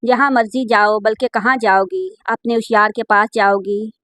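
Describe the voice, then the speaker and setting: A woman's voice: a little high, fairly even intonation, normal speed, fairly bright tone, no echo, close to an everyday voice. A woman voicing a furious, jealous young husband hurling accusations at his wife in a spoken story. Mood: angry. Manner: accusing, harsh.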